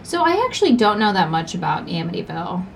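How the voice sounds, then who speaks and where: A woman co-hosting a podcast, blunt and animated, talking fast with many fillers. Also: on the low side, gravelly, a crowd in the background. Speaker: podcast co-host. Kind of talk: casual podcast chat.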